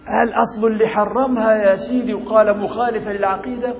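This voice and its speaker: A man's voice: high voice, fairly even intonation, quick pace. A man with a Cairene Egyptian accent teaching a theology text as a sheikh. He keeps asking rhetorical questions and mixes classical Arabic with colloquial speech. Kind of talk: classroom lecture. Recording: echoey hall with humming noise.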